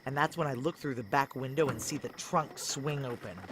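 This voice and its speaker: An actress with an extremely low, slightly fast voice performs a first-person noir sci-fi audio thriller, narrating and speaking tersely as a tough, desperate female security operative. The mood is tense and wry, with background noise.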